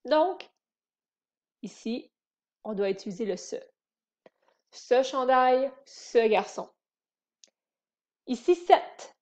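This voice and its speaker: A woman giving a slow, patient grammar lesson, repeating and spelling out words for beginners. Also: a little high, expressive, a little mellow. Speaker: French teacher.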